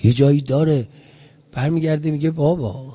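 A man's voice: on the high side, husky. A man preaching an emotional mourning sermon, repeating phrases as his voice swells and sinks. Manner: impassioned, repetitive, swelling and sinking in loudness. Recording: dull lo-fi recording.

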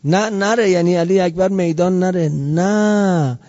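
A man preaching an emotional mourning sermon, repeating phrases as his voice swells and sinks. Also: sits high. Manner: impassioned, repetitive, swelling and sinking in loudness. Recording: dull lo-fi recording.

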